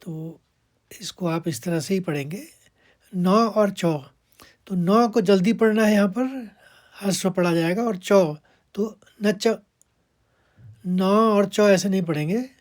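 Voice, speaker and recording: A woman teaching how to recite a Sanskrit verse, chanting each line slowly and then explaining it step by step in quick asides. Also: mid-range voice, a little mellow. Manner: patient, step-by-step instruction.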